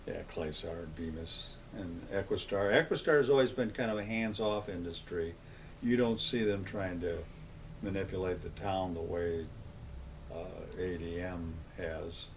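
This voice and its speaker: Older guy with a deep voice doing an oral history interview, talks plain, noisy recording. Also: unhurried. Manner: plain-spoken, conversational, poses and answers own questions. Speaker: interviewee, longtime local resident.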